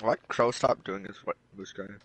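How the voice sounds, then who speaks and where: A man with a fairly low voice joins a friend's game session over voice chat. He talks in relaxed, chummy banter and tosses in short jokes. He never sounds rushed. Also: breathy edge, no echo. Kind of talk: casual chat.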